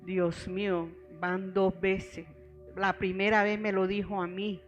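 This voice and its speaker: A woman's voice: medium pitch, level tone, slow, highs cut off, soft background music. A middle-aged woman pastor preaching a sermon, telling her own story and calling her listeners beloved brothers.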